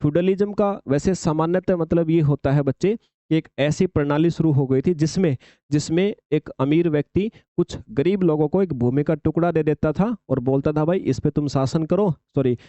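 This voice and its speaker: A man lecturing, repeating himself and putting questions to his students. His voice sits fairly high and sounds warm and relaxed. The sound is close and dry, with no room around it. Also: normal speed, no echo. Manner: addresses students as "children", repeats points, asks rhetorical questions. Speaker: exam coaching teacher. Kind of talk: lecture on exam syllabus.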